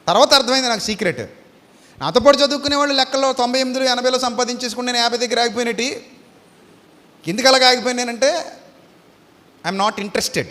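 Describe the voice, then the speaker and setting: A man's voice: extremely high pitch, quick pace, long pauses, bright, forceful tone, long reverb tail. A man preaching an Easter sermon, firing rhetorical questions at the audience in an emphatic, repetitive cadence.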